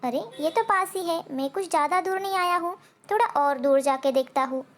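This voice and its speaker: A woman's voice: very high-pitched, a little fast. A woman voicing a small, playful male baby bird in a cartoon story. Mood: eager. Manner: eager, boastful child's musings.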